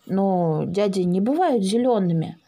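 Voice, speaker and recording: A woman voicing a sensible, slightly ironic father who speaks in a measured, drawn-out way. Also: medium pitch, lively intonation, dark tone. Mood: doubtful.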